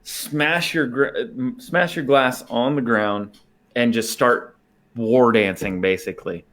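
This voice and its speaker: A man's voice: mid-range voice, slow, fairly bright tone. A man co-hosting a podcast in casual chat, rambling and laughing as he tells a story. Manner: rambling, laughs often, restarts sentences. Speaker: podcast co-host.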